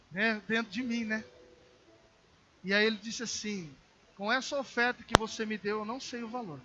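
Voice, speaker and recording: A male pastor with a Brazilian Portuguese accent preaching a sermon, telling a personal story with acted dialogue and addressing the congregation warmly as dear ones. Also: very high voice, lo-fi sound. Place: church service.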